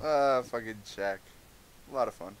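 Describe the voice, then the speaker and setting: A man's voice: medium pitch, normal speed, smooth. A man playing a tabletop game, trading casual, sardonic, teasing banter with the group.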